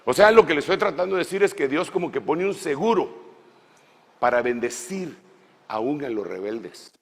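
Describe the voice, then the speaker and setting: A man preaches an animated sermon with a gravelly, fry-edged voice. His pitch swoops widely between shouted peaks and low, folksy asides to his brothers. A long reverb from the church hall trails his words. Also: moderate pace. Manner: folksy, addresses listeners as brother. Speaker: apostle preaching at a church conference.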